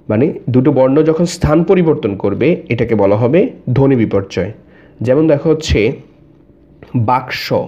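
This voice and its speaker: Man, teacher, exam-prep grammar lesson, repeats examples, asks himself questions, mellow dark voice, lo-fi sound. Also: mid-range voice. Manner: explains step by step, repeats examples, asks and answers own questions.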